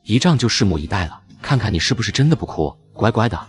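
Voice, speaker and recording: A man playing a deep-voiced teasing uncle. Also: big pitch swings, fast, slightly rough, full character voice. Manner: playful teasing. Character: teasing young uncle, a rich company boss.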